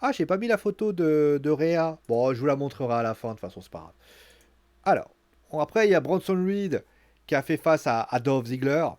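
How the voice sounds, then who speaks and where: A young man giving casual spoken commentary on a wrestling show, recapping scenes and acting them out with quick exclamations. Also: on the high side, very animated, a little mellow.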